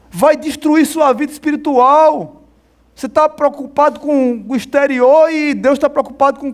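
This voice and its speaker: A Brazilian man who is a pastor, preaching a sermon emphatically, repeating phrases and calling out to the congregation. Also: extremely high pitch. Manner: emphatic, repetitive, talks to congregation directly. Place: church.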